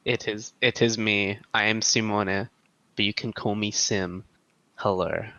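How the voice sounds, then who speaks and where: Slow-talking bright man with glitchy robotic audio. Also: fairly low pitch, lo-fi sound. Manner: joking, animated, laughs a lot. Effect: glitchy robot-like call audio. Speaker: podcast guest. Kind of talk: casual podcast chat.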